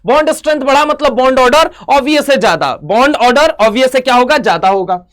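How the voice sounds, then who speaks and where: A man teaching a chemistry exam-prep lecture in a lively way, with an Indian accent, asking and answering his own questions and mixing in English terms. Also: very high-pitched, quick pace. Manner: energetic, asks and answers his own questions, calls students "beta"; mixes Hindi with English terms, uses mnemonics and jokes.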